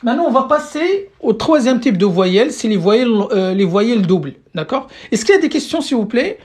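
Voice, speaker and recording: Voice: medium pitch, very animated, brisk, darkish tone, breathy edge. Patient teacher quizzing a live class. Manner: keeps asking the class questions and checking understanding; repeats words while searching for phrasing. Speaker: Arabic teacher. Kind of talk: live online lesson. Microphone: phone or computer mic on a live stream.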